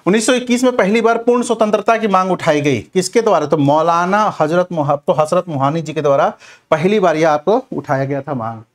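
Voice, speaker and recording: In a revision class for competitive exams, a history teacher quizzes students in question-and-answer style, talking to them directly with frequent check-in tags. His voice is fairly high and his delivery brisk.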